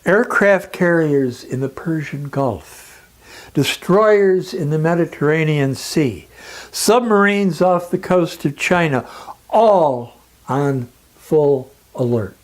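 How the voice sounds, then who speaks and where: A speaker with a mid-range voice recites a scripted, dramatic monologue, sounding grave and emphatic in an oratorical style and pausing deliberately.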